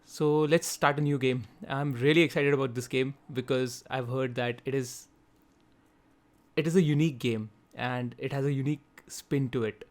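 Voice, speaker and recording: A man hosting a gaming video, giving quick, chatty gameplay commentary and thinking aloud as he goes through the settings. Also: medium pitch, fairly even intonation. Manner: quick talker.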